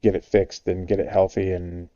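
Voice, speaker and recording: Deep, mellow man telling a casual story. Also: normal speed, muffled recording. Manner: relaxed storytelling with fillers. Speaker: stream guest. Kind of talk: casual chat.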